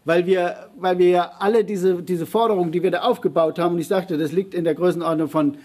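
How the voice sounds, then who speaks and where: A man on a panel answering audience questions in a public debate, arguing emphatically and often pausing on fillers and restarts. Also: high voice, fairly even intonation, darkish tone, breathy edge.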